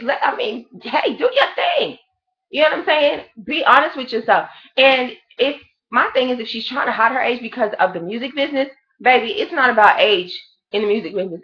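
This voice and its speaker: A woman in her late thirties, speaking with a fairly high pitch over dull audio, gives a blunt, profane, rambling gossip review of a reality show during a casual chat.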